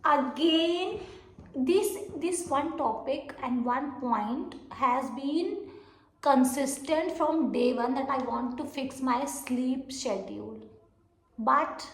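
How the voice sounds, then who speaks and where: A woman's voice: high voice, roomy sound. A young woman talking through a casual vlog update while unwell, rambling and laughing at herself as she goes. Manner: rambling, self-mocking, mixes Hindi and English; says she talks very fast. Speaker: vlogger.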